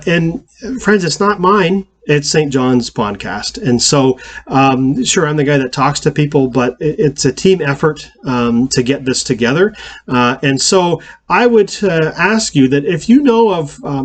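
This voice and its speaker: Pastor guy doing church announcements, lots of uhs and restarts, slightly high voice. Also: expressive. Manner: halting, many fillers and restarts.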